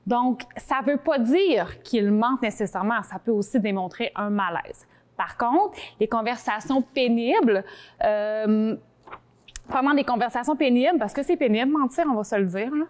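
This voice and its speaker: A woman with a Québécois French accent and a fairly high voice. She presents a talk show segment as a conversational explainer. Her delivery is animated and informal, wandering as she interrupts herself. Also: moderate pace.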